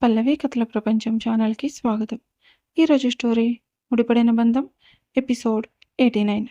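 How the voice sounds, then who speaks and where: Even-toned woman narrating a serial story. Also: a little high, normal speed, no room sound, dull audio. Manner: steady, even-toned reading. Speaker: storyteller, channel host.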